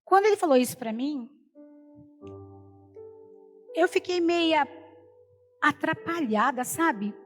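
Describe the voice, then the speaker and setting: Brazilian woman preaching, high voice, long hall echo, soft music under. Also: lively intonation, slow pace, pauses often. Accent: Brazilian Portuguese. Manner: storytelling, repeats "falei assim". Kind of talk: sermon testimony.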